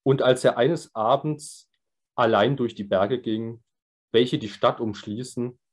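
A man reading a literary text aloud in a measured way, with small stumbles and repeats. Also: mid-range voice, fairly even intonation. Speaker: reader.

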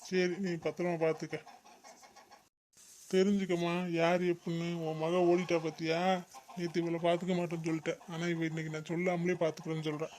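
A man's voice: a little high, little pitch movement, a little fast, a little mellow, slight background noise, lightly acted. A man voicing an exasperated son and husband in a home-made cartoon, questioning and reproachful.

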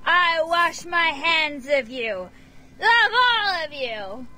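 A performer voicing a bitter, tipsy mercenary leader in a fantasy game. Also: female voice, extremely high pitch, lively intonation, very slow, sharp tone, full character voice. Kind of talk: game voice acting.

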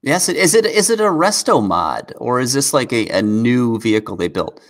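A man co-hosting a car news recap, talking in a relaxed way with quick asides. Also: mid-range voice. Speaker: co-host of a car news show. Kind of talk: casual news recap chat.

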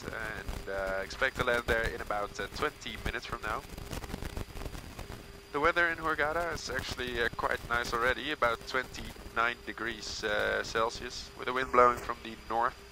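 A male first officer speaks through a cockpit headset, calm and unhurried and filling his pauses with "uh". His voice sits at an ordinary middle pitch. A steady roar of engine noise runs under every word. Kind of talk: passenger announcement. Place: airliner cockpit in flight.

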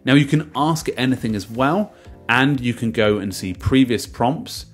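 Over soft background music, a man voices a laid-back screen-share software review, taking it one step at a time. His voice is mid-range at normal speed, and his sentences open with emphasis before trailing away at the ends.

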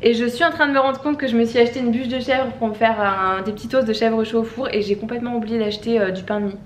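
Fast-talking chatty woman vlogger. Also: fairly high pitch, fairly even intonation, a little hiss or hum. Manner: chatty, rambling, frequent fillers. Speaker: beauty vlogger. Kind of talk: casual vlog chat. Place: at home, indoors. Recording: echoey room.

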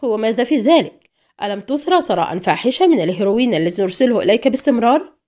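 A woman's voice: medium pitch, animated, fast talker, close to an everyday voice. A woman reading a cruel, vicious female spy. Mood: harsh angry. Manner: cold menace rising to sharp anger. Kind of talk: audiobook reading.

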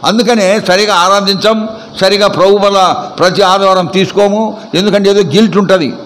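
High-voiced emphatic preacher. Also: male voice, fairly even intonation, normal speed, a bit bright, poor audio. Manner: emphatic, quizzing the congregation with repeated questions. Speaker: pastor. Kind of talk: sermon.

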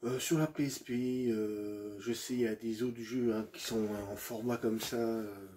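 A man's voice: on the low side, fairly even intonation, a little slow, mellow, a little hiss or hum. A man presenting his video game collection in a casual, hesitant way, with many fillers and restarts, addressing viewers as friends.

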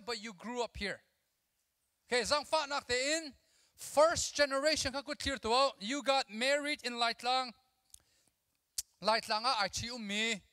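High, bright-voiced man preaching on a big stage. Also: dry recording, studio quality, big-room sound. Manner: animated, mixes English with his own language, drills the crowd with call-and-response. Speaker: youth conference speaker. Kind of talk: energetic sermon to a youth audience. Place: large church auditorium stage. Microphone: handheld mic.

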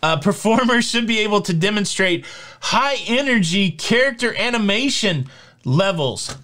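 Hosting a casual news vlog from a home studio with shelves of collectibles, this man in his forties has a high, expressive voice with a bright, forceful tone. He keeps a moderate pace and a chatty, upbeat, jokey style full of fillers.

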